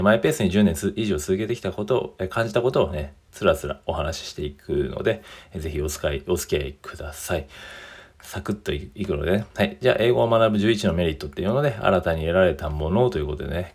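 Fast-talking man with a gravelly low voice. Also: a little mellow. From Japan. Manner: chatty, works through a numbered list; often restarts and corrects himself mid-phrase. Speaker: podcast host. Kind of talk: casual solo podcast monologue.

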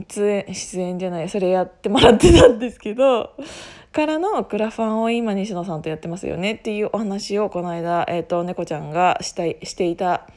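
A woman with a husky, hoarse voice chatting casually on her own, rambling and often interrupting herself in a self-deprecating way. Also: medium pitch, mellow. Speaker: podcast host making an announcement. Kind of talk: casual solo chat.

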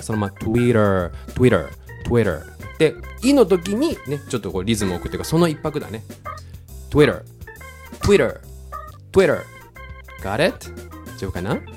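Animated male pronunciation coach. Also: medium pitch, fast. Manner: animated, demonstrates sounds by repeating words. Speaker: English pronunciation teacher. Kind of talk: casual pronunciation lesson. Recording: faint background music.

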